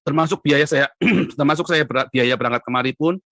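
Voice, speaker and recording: A man giving an animated interview testimony as an evangelist, emphatic and often rising sharply in pitch and loudness, addressing the host respectfully. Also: moderate pace, dry recording. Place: Europe.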